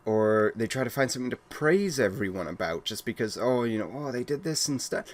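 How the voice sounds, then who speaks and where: A young Welsh man who hosts a gaming channel rants at home in a mid-range voice, fairly quick and expressive. His casual monologue is blunt and exasperated, and he keeps restarting his sentences.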